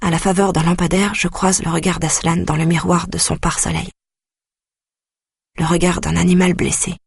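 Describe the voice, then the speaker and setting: A man narrating a dark first-person audiobook in a grave, quietly intense manner. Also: sits high, little pitch movement, normal speed, creaky, husky, no echo, studio quality.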